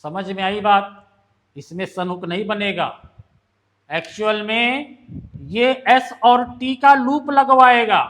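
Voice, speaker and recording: High-voiced shorthand teacher. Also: male voice, steady tone, takes it slowly, fairly bright tone. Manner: explains step by step, asks students questions. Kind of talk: classroom lesson.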